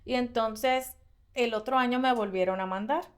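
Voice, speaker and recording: A woman with a Mexican Spanish accent and a high voice talks through a casual podcast conversation. She tells her stories animatedly, rushing through some stretches and slowing on others. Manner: animated storytelling, fast bursts, frequent laughs. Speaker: podcast co-host.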